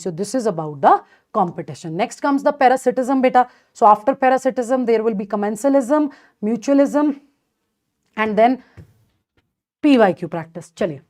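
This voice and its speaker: High-pitched North Indian woman teaching. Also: a little mellow. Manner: emphatic, repeats key points, checks in with students. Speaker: biology teacher. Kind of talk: informal online lecture.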